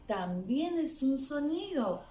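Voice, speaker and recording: Woman teacher coaxing little kids with questions, unhurried delivery, echoey room. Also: high-pitched, sing-song, warm tone, slight background noise. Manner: asks the children questions; playful, acts out sounds. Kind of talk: lesson for small children. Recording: echoey room with faint music.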